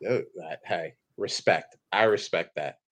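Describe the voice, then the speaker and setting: A man's voice: sits low, unhurried, fairly bright tone. A man hosting a casual fantasy football podcast, laid-back and joking, often chuckling as he talks. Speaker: podcast host.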